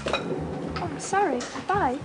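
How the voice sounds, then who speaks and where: A woman's voice: very high voice, expressive, slow, over music, heavily acted. An actress playing a harried young mother, speaking defensively on a British TV soap. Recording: TV soundtrack, kitchen clatter behind.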